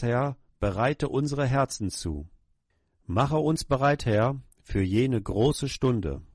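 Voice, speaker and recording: A man's voice: mid-range voice, darkish tone, no room sound, clean studio sound. A middle-aged male pastor praying aloud to his congregation in an earnest, humble, pleading way. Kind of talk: sermon prayer.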